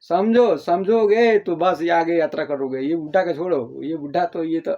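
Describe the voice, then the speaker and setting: An older man explaining in a casual, rambling way, repeating himself and acting out the listeners' replies in a softer voice. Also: on the high side, normal speed. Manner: addresses listeners as "babu". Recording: dull lo-fi audio.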